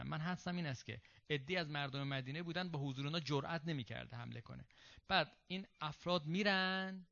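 A man giving a religious lecture, reading Arabic passages and explaining them in casual spoken Persian, with quick asides to his listeners. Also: on the high side, bright, forceful tone. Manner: quick, conversational asides to the audience. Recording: dull lo-fi recording.

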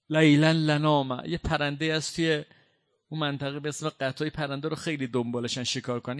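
With a slightly high voice, a preacher gives a fervent, impassioned mourning sermon. He draws out quoted lines in slow recitation, then explains them plainly.

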